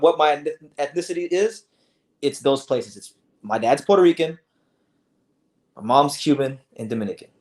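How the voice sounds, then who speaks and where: A young man from South Florida hosting a casual livestream, talking in an animated way with lots of restarts and swearing. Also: medium pitch. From South Florida, USA. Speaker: livestream host. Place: home, sitting on a beanbag chair.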